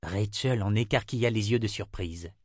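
A man narrating a French audiobook in a measured, lowered voice. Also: darkish tone, no room sound, clean studio sound. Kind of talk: scripted narration.

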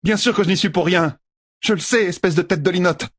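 A man reading an audiobook voices a sharp-tongued, bossy older wise woman in a raised voice. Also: high voice, fairly quick, no room sound, clean studio sound, voice pushed up. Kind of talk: audiobook character voice.

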